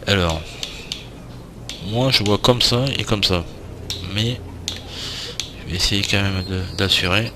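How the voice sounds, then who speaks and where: A man's voice: on the low side, takes it slowly, pauses often. A man casually commenting on his gameplay, with informal, muttered reactions. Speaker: gameplay video creator. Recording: noisy, game audio behind. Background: game sound and ambience.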